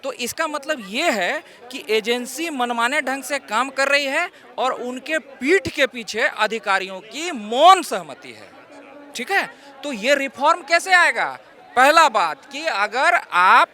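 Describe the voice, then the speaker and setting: A man's voice: extremely high pitch, expressive, unhurried, bright, forceful tone. A man, a protesting exam candidate, arguing his point with rhetorical questions in a street interview outdoors.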